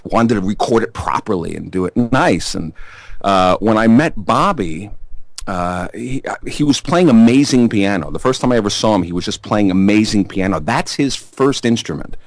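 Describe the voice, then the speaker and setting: A man with a New York accent telling stories in a casual interview, rambling and chatty with frequent pauses and restarts. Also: on the low side, lively intonation, no room sound. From Staten Island, New York. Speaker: musician guest.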